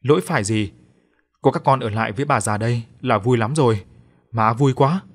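A man voicing a gentle, loving old mother who speaks softly and tenderly in a storybook reading. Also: mid-range voice, a little fast, natural voice. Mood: joyful. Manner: soft, tender, choked.

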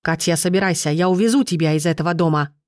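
A woman voicing a defiant young man in a storybook, speaking hoarsely. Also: on the low side, fast, a little mellow, no room sound, studio quality, lightly acted.

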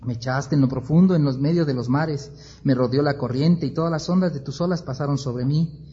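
A man teaching a Bible class, telling the story in an animated way, acting out voices and asking the class rhetorical questions. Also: mid-range voice, brisk, husky, lo-fi sound.

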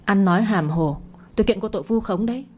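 A woman's voice: mid-range voice, fast, darkish tone, lightly acted. A woman voicing a scheming, greedy middle-aged husband who blusters and gets defensive, in a storybook narration. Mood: blustering.

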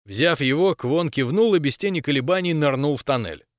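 Guy reading a sci-fi audiobook, steady first person telling, dry close sound. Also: on the high side, brisk, no room sound. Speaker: narrator. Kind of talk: audiobook narration.

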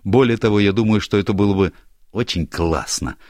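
A man's voice: on the low side, a little fast, darkish tone, no echo, studio quality, voice pushed up, natural voice. A man voicing a teasing, outspoken young woman in an audiobook, gushing and theatrical. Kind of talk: audiobook character voice.

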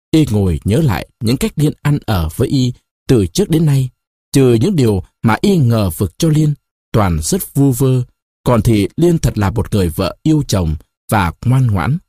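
A man narrating a novel as an audiobook, in an expressive storytelling manner. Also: medium pitch, slightly rough, no echo, studio quality.

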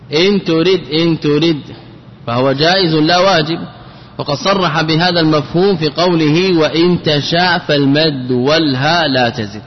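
A man's voice: fairly high pitch, slightly rough. A man with a slightly raised voice teaches a grammar lesson. He poses rhetorical questions and restates key phrases again and again. The sound is dull and lo-fi, with a long hall echo. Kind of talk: classroom lecture on Arabic grammar.

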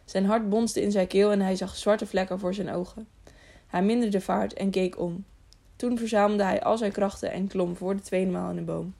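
A woman narrating a children's audiobook in a steady storytelling manner. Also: medium pitch, moderate pace, vocal fry. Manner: steady storytelling, slight stumbles. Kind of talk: scripted narration.

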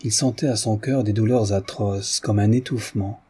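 Male audiobook narrator, measured literary reading, low and husky. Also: fairly even intonation, warm tone.

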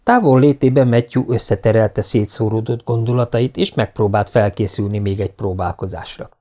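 A man narrating a novel as an audiobook, in a measured storytelling manner. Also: fairly low pitch, warm tone.

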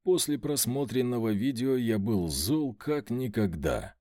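A man narrating an audiobook in the first person with an expressive, gruff delivery. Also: mid-range voice, measured pace, dry recording, studio quality.

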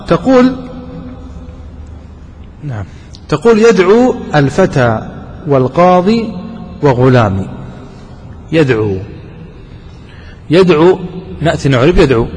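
A man with a fairly high voice teaches grammar as a sheikh. He puts questions to his students and drives each point home by repeating it. His voice carries through a reverberant hall over a faint background hiss. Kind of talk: classroom grammar lesson. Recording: echoey hall with faint noise.

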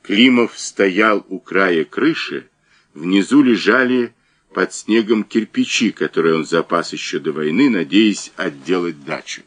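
A man narrating a crime novel audiobook in a measured, dramatic way. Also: sits low, expressive, fairly bright tone.

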